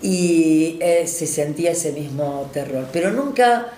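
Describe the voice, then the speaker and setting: A woman's voice: low-pitched, lively intonation, slow pace, mellow. A woman in her sixties with a Rioplatense accent, a doctor recalling her past in a reflective, hesitant way. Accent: Rioplatense Spanish. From Argentina. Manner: reflective, with hesitations and tag questions. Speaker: doctor interviewee. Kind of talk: oral history recollection. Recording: roomy sound with faint noise.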